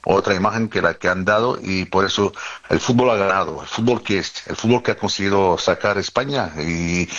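A man with as his talking casually about football, halting often and restarting his sentences. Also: low-pitched, fairly bright tone, lo-fi sound. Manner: halting, many restarts and fillers. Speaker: guest commentator.

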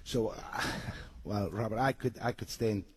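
A man from Romania, a guest on a radio interview, speaking haltingly with many hesitations. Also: on the low side, husky. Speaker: guest, resort manager.

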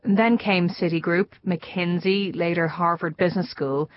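A woman hosting an interview, asking smooth, prepared questions. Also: fairly low pitch, steady tone, moderate pace, lo-fi sound, slight background noise. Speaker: interviewer, host.

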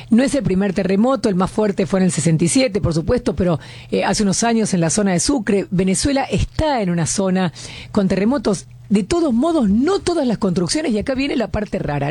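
A woman from Argentina with a Rioplatense Spanish accent, hosting a broadcast news interview and cutting in briskly. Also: medium pitch, warm tone, slightly rough, no room sound. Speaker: news host.

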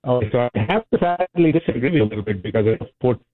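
A male caller to a radio talk show, disagreeing in a hurried way over a phone connection that keeps breaking up. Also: mid-range voice, animated, no echo. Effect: choppy phone connection that keeps breaking up. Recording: tinny, choppy phone line.

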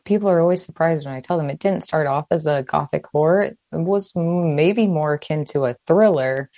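A woman from Hawaii, an author, talking quickly and casually in an interview, with frequent fillers and restarts. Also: deep voice, dark tone, no room sound. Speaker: author, guest.

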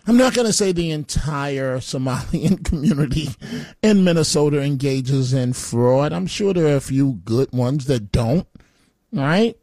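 A man's voice: a little high, a little mellow, dry recording, studio quality. A man hosting a talk radio show, delivering a chatty, combative opinion monologue with frequent fillers.

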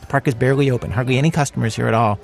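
A man's voice: medium pitch, fairly even intonation, racing, vocal fry. A man narrating a scripted radio story as a reporter, in a conversational style.

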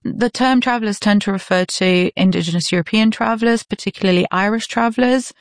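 A woman's voice: mid-range voice, brisk, no room sound, clean studio sound. A woman from Romania, an author answering interview questions in an informed, explanatory way. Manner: informed, explanatory, laughs easily. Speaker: author guest.

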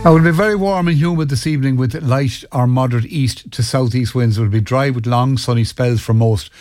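A man's voice: medium pitch, brisk, darkish tone, no echo, studio quality, soft background music. An Irish man presenting on radio, reading forecasts and programme links with some hesitant stumbles. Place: dry radio studio.

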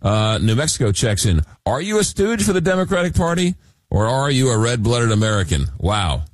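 A man hosting a call-in radio show, reading listener texts and taking calls in a smooth radio host delivery. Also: mid-range voice, big pitch swings, a little fast, no room sound, studio quality. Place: radio studio.

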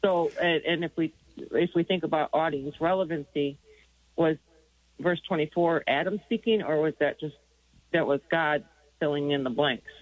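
A woman's voice: deep voice, normal speed, no echo. Woman calling in to a radio show. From Arkansas. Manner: hesitant, thinking aloud with many fillers. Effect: caller heard over a phone line on a radio show. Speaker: caller. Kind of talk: radio call-in question. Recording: dull lo-fi phone line, dry.

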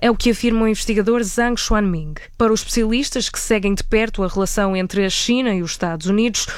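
A woman with a European Portuguese accent reading a scripted radio news report in a steady, measured way. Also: medium pitch, clean tone, no echo, studio quality.

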